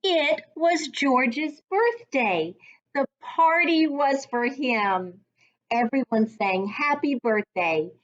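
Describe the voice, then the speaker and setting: With a high voice and dull-sounding audio, a woman reads a storybook for young children. Her delivery is expressive and deliberate, like a reading coach's.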